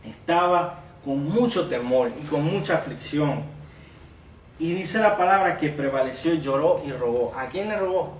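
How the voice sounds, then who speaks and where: A man's voice: a little high, animated, measured pace, echoey room, distant mic, a little hiss or hum. A man preaching a sermon as pastor, reading scripture aloud with rising emphasis and asking the congregation rhetorical questions. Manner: asks the congregation rhetorical questions and calls them brother.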